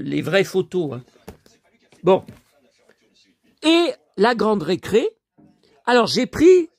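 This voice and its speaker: A man with a hoarse voice chatting casually to his viewers about his purchases, grumbling and addressing them directly. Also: high-pitched, no echo. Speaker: collector vlogger showing his purchases.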